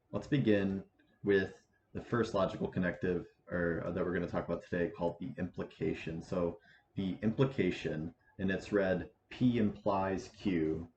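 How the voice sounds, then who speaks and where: A man in his twenties giving a casual math lesson, with a halting delivery full of restarts and fillers. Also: deep voice, a little mellow. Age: 20s. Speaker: math teacher. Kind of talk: casual lecture. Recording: echoey room, dull lo-fi sound, faint hiss.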